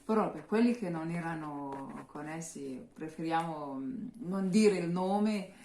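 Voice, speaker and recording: A woman's voice: sits low, a little slow, mellow, a little hiss or hum. A woman, a native French speaker with a French accent, chatting casually to viewers as co-host of a vlog. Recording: roomy, echoing sound.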